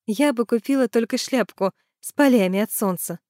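A woman reading voicing a shy, modest young woman who speaks softly. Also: a little high, moderate pace, no echo, studio quality, close to an everyday voice. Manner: soft, hesitant.

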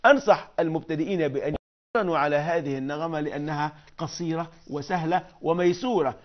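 Man, prosody lecture, patient explaining, slow chanting of verse, muffled lo-fi sound. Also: fairly high pitch. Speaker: Arabic prosody teacher. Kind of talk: lecture on poetic meter.

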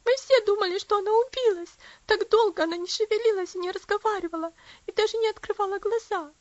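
Woman doing a shrill sobbing little girl. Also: moderate pace, dry recording. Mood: upset. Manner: shrill, tearful, loud. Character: sobbing excitable young girl. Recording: dull lo-fi audio.

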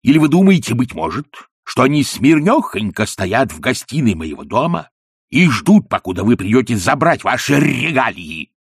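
A man voicing a fussy middle-aged male clerk who bursts into shrill, shouting rage. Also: animated, a little fast, creaky, slightly rough, dry recording, clean studio sound, heavily acted. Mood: furious shouting.

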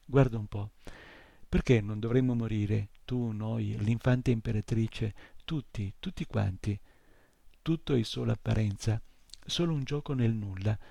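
A vast, ancient female turtle, as a male reader puts her on, drawling out slow, gurgling words to herself in a low, dark, muffled voice. She sounds utterly weary and indifferent. The dry, close read gives no room around her. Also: gravelly, no room sound. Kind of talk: audiobook reading.

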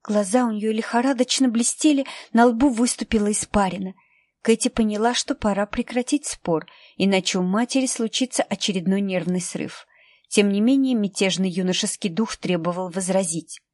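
A woman reading a novel aloud as an audiobook narrator, expressive in her reading. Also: medium pitch, moderate pace, no room sound, studio quality. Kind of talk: scripted narration.

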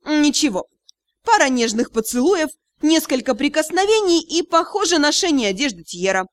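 A woman reading the part of a strict, quick-tempered female captain in an audiobook, with a sharp, scolding delivery. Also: high voice, very animated, no room sound, pitched above the performer's own voice. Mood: indignant.

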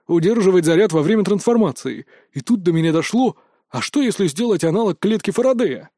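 An eager young inventor talks quickly and excitedly about his ideas, as a man voices him. His voice sits a little higher than the narrator's own. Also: dry recording, studio quality.

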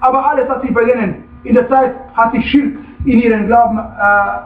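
High-voiced man preaching over a tinny line. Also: fairly even intonation, moderate pace. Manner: emphatic, checks in with listeners with frequent questions. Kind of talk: religious lecture. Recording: tinny, echoey room, far from the mic.

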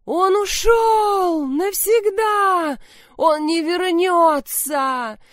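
A woman voicing a fragile, spoiled young woman who is shrill and shrieking, in a narrated story. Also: sing-song, moderate pace, no echo, studio quality, close to an everyday voice. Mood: hysterical. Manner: shrill, shrieking and sobbing lines.

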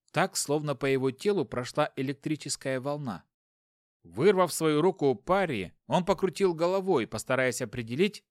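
A male audiobook narrator reads a tense scene in a lively, expressive voice. His pitch is somewhat high and moves a lot. The sound is dry and close to the mic. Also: no room sound. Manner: dramatic, lively reading.

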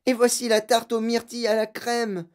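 A woman voicing a spoiled, boastful girl who shouts with glee while chewing gum, in a storybook reading. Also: fairly high pitch, measured pace, pitched above the performer's own voice, lightly acted. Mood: gleeful.

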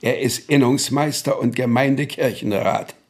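An actor playing a stern, authoritarian Prussian state official in a German radio drama, deliberate and officious in manner. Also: male voice, medium pitch, lightly acted. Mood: measured, doubtful.

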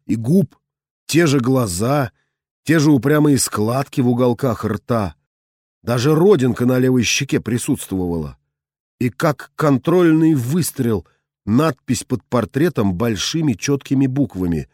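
A man narrating a first-person audiobook in an even, measured storytelling manner. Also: mid-range voice, dry recording, clean studio sound. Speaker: audiobook reader.

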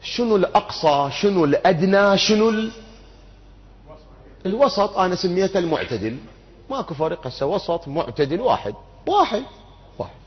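A man's voice: sits high, animated, a little fast. A man giving an interactive religious lecture, putting questions to his audience and answering them himself. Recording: muffled lo-fi recording.

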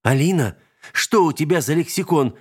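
A man's voice: on the high side, lively intonation, normal speed, slightly rough, pitched above the performer's own voice. A man voicing a stern, irritable mother who scolds and grumbles in a storybook reading. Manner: sharp, scolding, sarcastic.

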